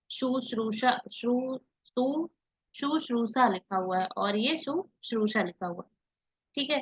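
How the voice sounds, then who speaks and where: A woman teaching an exam-prep spelling lesson, asking questions and answering them herself, repeating each word slowly. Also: fairly high pitch. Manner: asks and answers her own questions, repeats words slowly. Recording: slightly dull lo-fi audio.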